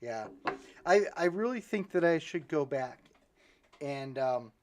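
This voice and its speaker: A man's voice: lively intonation, slow. A man hosting a podcast, telling a long joke in a rambling way, with restarts. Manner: rambling storyteller, restarts, jumps to high voices for punchlines. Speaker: podcast host.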